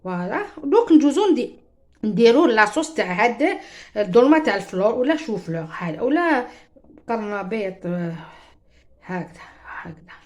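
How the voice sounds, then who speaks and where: Very animated and fairly quick, with a voice on the high side, this woman hosts a cooking show and demonstrates home cooking in a chatty way. She has an Algerian Arabic accent, addresses viewers directly and slips French words in.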